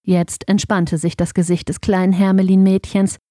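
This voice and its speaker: Gentle female storyteller for a kids' audiobook, mellow and dry, close mic. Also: mid-range voice, little pitch movement, moderate pace, no echo. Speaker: audiobook narrator. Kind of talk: scripted children's story narration.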